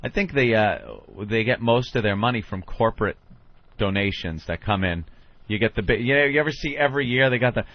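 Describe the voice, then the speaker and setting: A man's voice: medium pitch, a little fast, lo-fi sound. A male radio host, bantering in a wry, mocking way. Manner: wry, mocking, drops into mimicking voices. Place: radio studio.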